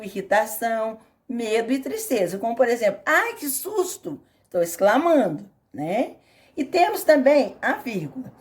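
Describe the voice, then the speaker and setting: A woman's voice: on the high side, darkish tone. A woman teacher from Brazil, patiently explaining a lesson to parents and often adding "né?". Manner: patient explaining with frequent "né?" tags.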